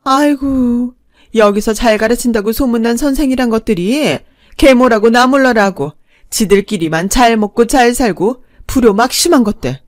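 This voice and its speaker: A woman voicing a pushy, shameless older stepmother-in-law who nags and wails loudly. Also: on the high side, animated, moderate pace, no room sound, clean studio sound, natural voice. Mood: wailing. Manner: loud, wailing, nagging.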